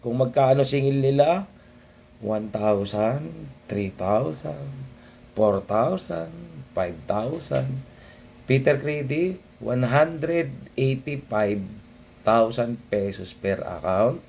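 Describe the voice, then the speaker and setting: A man's voice: mid-range voice, animated, slow, vocal fry, darkish tone. A young man ranting casually to his viewers in a blunt, sardonic way, swearing often and muttering asides under his breath. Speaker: vlogger.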